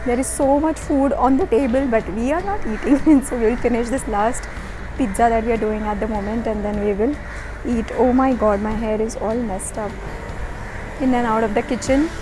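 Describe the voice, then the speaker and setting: A woman's voice: on the high side, normal speed, background noise. A woman, chatting casually to a phone camera at arm's length in a cafe, upbeat and laughing often. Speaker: vlogger and cafe owner. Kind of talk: casual behind-the-scenes vlog. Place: cafe, indoors and on a leafy outdoor terrace. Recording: phone vlog with music underneath. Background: background music.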